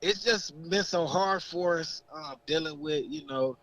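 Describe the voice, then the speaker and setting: A young man calling in to a radio show, a coach talking in a laid-back, halting way. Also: a little high, over a noisy crowd, poor audio. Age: young adult. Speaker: caller, high school coach. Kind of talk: casual phone-in chat.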